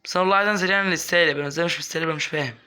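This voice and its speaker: A young man with an Egyptian Arabic accent giving casual gameplay commentary, coaxing and scolding his in-game pet and breaking into excited yelps. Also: a little high, rapid-fire, clear, resonant tone. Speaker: gaming YouTuber.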